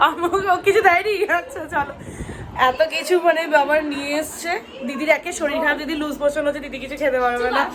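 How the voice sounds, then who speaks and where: A young woman talks quickly and chattily to her phone camera, her voice sitting a little high. Steady background noise runs under the vlog. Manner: chatty, excitable. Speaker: vlogger. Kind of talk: casual vlog narration. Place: family home and outings.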